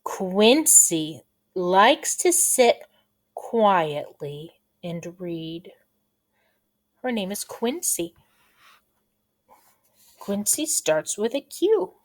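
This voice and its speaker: A woman teacher reading a picture book aloud to children, slow and expressive, drawing out her words. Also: medium pitch.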